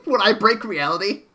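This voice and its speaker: A man with a bright, forceful voice, pitched a little high. He chats casually about a film as host, wandering through restarts and fillers. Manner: rambling, many restarts and fillers. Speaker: podcast host. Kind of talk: casual movie review chat.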